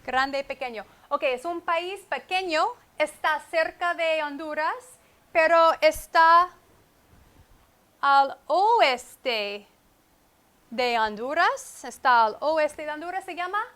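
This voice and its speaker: A woman teaches a Spanish lesson on a wireless mic. Her voice sits high and bright. She talks very slowly and repeats each key word with care. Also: animated. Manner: slow, deliberate, repeats key words with English glosses. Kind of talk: comprehensible-input lesson. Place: at a whiteboard. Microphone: wireless microphone.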